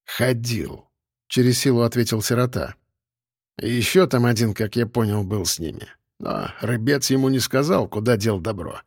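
A man voicing a sullen young street thug who talks low and grudgingly in slang. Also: moderate pace, husky, no echo, studio quality.

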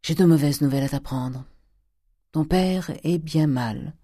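A stingy old provincial miser speaks bluntly, drawing out his hums and grumbles, voiced by a man reading aloud. The tone is dark and mellow, and the sound is close and dry. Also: on the high side, unhurried, no room sound. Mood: gruff.

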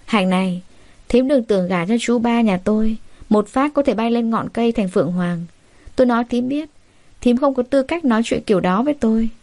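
A woman voicing a scheming elder sister-in-law who talks fast in a high, shrill, sneering tone. The voice stays mellow in a dry, close recording. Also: no echo, lightly acted.

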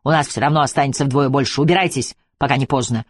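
A man's voice: mid-range voice, fast, dry recording, voice pushed down, close to an everyday voice. A man voicing a furious, taunting Chinese man in an audiobook, spitting out threats. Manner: spiteful, shouting threats.

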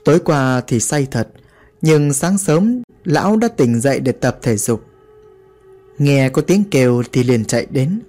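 A man's voice: medium pitch, lively intonation, measured pace, warm tone. A man narrating a horror story in a dramatic, vivid way.

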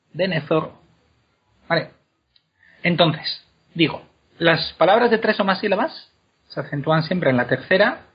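A man talks like a lively teacher, stretching words out slowly to show how they sound. His voice is a little husky and sits slightly high. The recording is dull and lo-fi. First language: Spanish. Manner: animated teacher, repeats words slowly to demonstrate. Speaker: guest explaining Elvish pronunciation. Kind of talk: casual explanatory chat.

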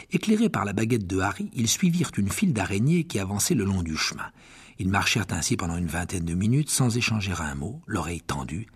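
Guy reading a fantasy audiobook, super breathy husky voice, lots of pitch swings, whispers the spooky bits. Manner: dramatic, often drops to a whisper. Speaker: audiobook narrator.

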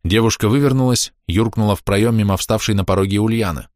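A man narrating a dark story in a measured, tense reading voice. His voice sits on the low side and is recorded dry and close, with no room around it. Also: no room sound. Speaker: audiobook narrator. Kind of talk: dramatic audiobook reading.

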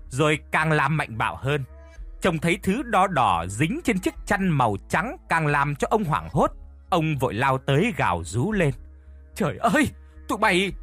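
A man narrating a dramatic audiobook tale in an expressive storytelling manner. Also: breathy edge. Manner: expressive storytelling, lively pitch.

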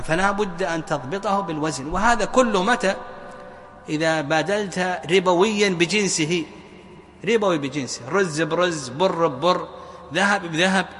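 A man teaching a classroom lesson on religious law, quizzing his students with repeated questions and drawing key words out slowly. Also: high-pitched, a bit bright, big-room sound. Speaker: Islamic jurisprudence teacher.

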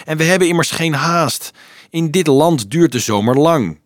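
A man voicing a calm young man who soothes and reasons with a crowd of children in a storybook reading. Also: on the high side, moderate pace, no room sound, studio quality, voice pushed up, close to an everyday voice.

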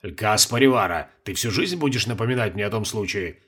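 A gruff court mage, voiced by a male narrator, grumbles in a deep, lowered voice, quiet and held back. He sounds proud and put out, booming softly rather than shouting. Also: animated, brisk. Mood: grumbling. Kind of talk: audiobook character voice.

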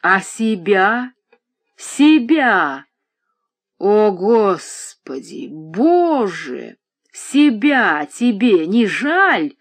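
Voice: mid-range voice, takes it slowly, close to an everyday voice. A reader voicing a furious grey-haired old father. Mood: enraged. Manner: outbursts of shouting and moaning. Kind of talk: audiobook reading.

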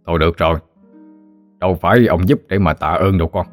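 A man voicing a kind old grandfather healer who speaks slowly and soothingly. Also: low voice, soft background music, voice pushed down, lightly acted. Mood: gentle.

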